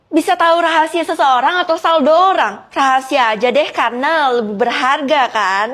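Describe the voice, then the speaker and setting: A woman's voice: sits high, normal speed, a bit bright, faint music behind. A woman narrating a cartoon story in a casual, teasing way. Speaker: voice-over narrator.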